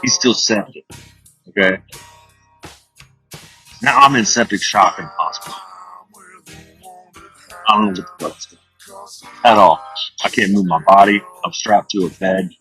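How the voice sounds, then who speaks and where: A man's voice: lowish voice, very animated, unhurried, vocal fry, pauses often, bright, forceful tone, soft background music, poor audio. A man in his thirties hosting a podcast, telling blunt, profane, darkly joking stories in a casual way. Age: 30s. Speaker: podcast host. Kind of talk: casual storytelling.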